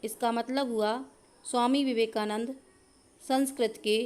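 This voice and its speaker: A woman teacher going through Sanskrit grammar answers, dictating them slowly and methodically. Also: on the high side, fairly even intonation, a little mellow, clean tone. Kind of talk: explaining a grammar lesson.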